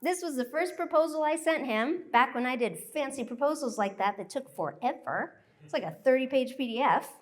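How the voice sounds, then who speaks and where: An American woman who grew up in Thailand, giving a joyful, animated live presentation to a workshop group. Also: sits high, normal speed. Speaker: workshop speaker.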